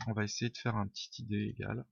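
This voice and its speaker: A man's voice: on the low side, flat delivery, rapid-fire, gravelly, husky, no echo. A man giving an unscripted coding tutorial over a screen recording, thinking aloud with many fillers and an informal, self-deprecating way of talking. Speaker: programming tutor. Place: home room. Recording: dull lo-fi home mic, dry.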